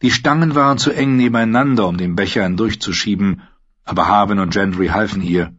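Husky low-voiced male narrator. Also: brisk, a bit bright, no room sound. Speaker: audiobook narrator. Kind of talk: scripted narration. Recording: dull lo-fi sound.

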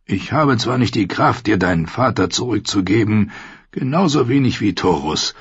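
A man voicing a calm, solemn knightly lord in an audiobook, measured and steady. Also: fairly low pitch, husky, no echo, dull audio, full character voice.

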